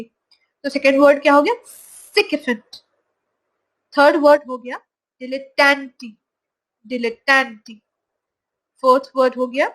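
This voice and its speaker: High-voiced woman teaching vocabulary. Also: a bit bright, poor audio. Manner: slow, drawn-out pronunciation of each word, repeated. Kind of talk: slide-based vocabulary lesson.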